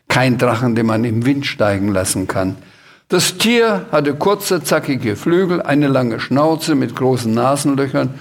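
Guy reading a kids book out loud, lively storytelling, mid-pitched. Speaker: reader. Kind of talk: live children's book reading.

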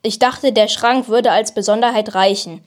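A woman's voice: medium pitch, steady tone, moderate pace, natural voice. A woman voicing a stubborn boy who wants to be a monster hunter, grumpy and panting.

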